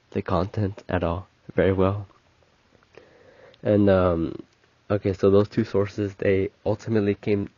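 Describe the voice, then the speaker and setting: A man's voice: low voice, warm tone, no room sound. A young man with a cold, hosting a casual solo podcast, rambling and correcting himself as he goes. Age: young adult. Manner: rambling, self-correcting, chatty. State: sick, stuffy nose. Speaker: podcast host, college student. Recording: muffled lo-fi sound.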